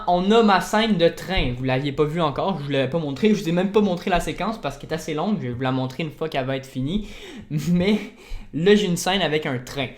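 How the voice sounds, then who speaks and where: Excitable Québécois man in a roomy space. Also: on the high side. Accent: Québécois French. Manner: excitable, bursts into loud delighted exclamations. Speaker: video editor and YouTuber. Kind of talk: casual vlog commentary while working. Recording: roomy echo.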